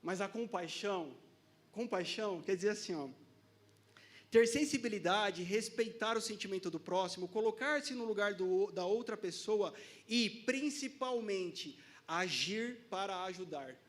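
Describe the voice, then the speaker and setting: A man's voice: high voice, a little slow, fairly bright tone. A man with a Brazilian Portuguese accent preaching a sermon in a casual, joking way, laughing often and calling out to the congregation.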